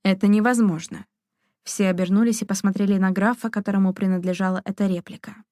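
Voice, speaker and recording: An audiobook narrator, a woman with a medium-pitched voice, reads scripted narration from a novel in an even, measured storytelling manner. The recording is dry, with clean studio sound.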